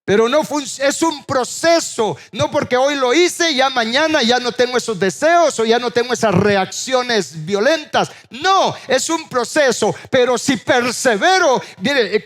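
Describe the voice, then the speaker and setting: A man's voice: very high voice, fairly bright tone. A male pastor preaching a sermon in an earnest, pleading way, often repeating his phrases.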